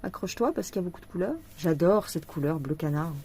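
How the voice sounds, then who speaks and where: Brief: woman vlogger, tired, chatty, mellow warm tone, indoors at home. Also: fairly low pitch, expressive, fast talker, husky. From France. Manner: chatty, talks to the viewer, laughs often. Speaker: cross-stitch vlogger. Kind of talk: casual chat unboxing a craft kit.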